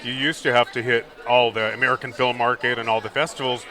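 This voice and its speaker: A man's voice: medium pitch, little pitch movement, fast, bright, forceful tone. A man in his fifties hosting a casual, friendly interview at an expo booth, chatty and curious. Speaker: podcast host.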